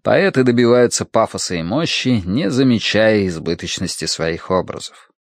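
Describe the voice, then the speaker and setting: A man's voice: lowish voice, lively intonation, normal speed, dry recording. Man narrating an audiobook, dry sound. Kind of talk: scripted narration.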